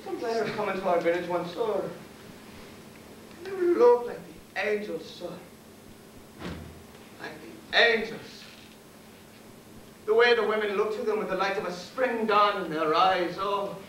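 A fawning, jittery Irish convict hangman, played by an actor on stage, rambles and pleads in a high, bright voice, saying sir at every turn. He sounds distant and echoey in a theater, with a faint hiss. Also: expressive, measured pace, long pauses. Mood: rambling. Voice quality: wheedling, deferential, endlessly says sir. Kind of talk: live stage play acting.

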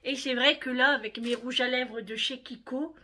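This Frenchwoman's voice sits high, with a sharp tone, fairly even intonation and a normal speed. Showing off her shopping haul in a relaxed way, she talks straight to her viewers and is fond of adding "hein" to what she says.

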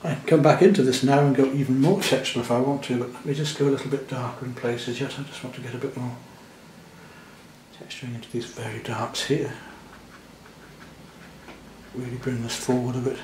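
A man demonstrates a watercolour painting in his studio, speaking in a relaxed, chatty way as he works. His voice is mid-pitched and carries a noticeable room echo. A faint background hum sits beneath him. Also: brisk, pauses often. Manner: gentle, chatty, thinking aloud while painting. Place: indoor studio at the easel.

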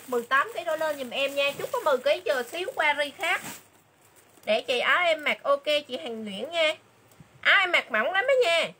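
A woman doing a livestream sales pitch for clothes, chatty and repeating item names and prices again and again. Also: sharp tone, slight background noise. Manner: chatty, calls viewers "dear sisters".

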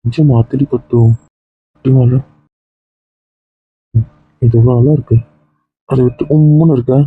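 A man's voice: medium pitch, steady tone, moderate pace, husky, narrow, tinny audio, close to an everyday voice. A man playing a caring husband who coaxes and scolds his tearful wife in a homemade skit. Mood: coaxing. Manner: coaxing, then stern threats.

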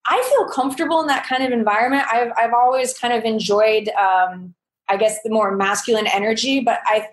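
A woman guest in a conversational interview, explaining things like a patient English teacher, in a roomy recording. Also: a little high.

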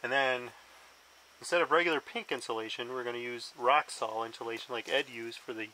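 A man's voice: medium pitch, fairly even intonation, fairly quick, pushed and bright, slight background noise, rough recording. A man explaining, in a practical, matter-of-fact way, how he will fix up an old camper, speaking by and inside it. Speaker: friend describing his repair plans. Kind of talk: casual explanation.

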